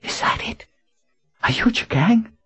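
A man's voice: low-pitched, sing-song, normal speed, slightly rough, dry recording, exaggerated voice. A male narrator voicing a tense, determined woman in an audiobook, speaking urgently and firmly. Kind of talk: audiobook character voice.

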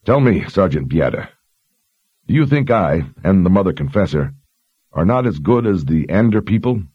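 A man voicing a stern but kind lord who speaks in a quiet, grave, measured way. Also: deep voice, sing-song, slightly rough, dry recording, muffled recording, heavily acted.

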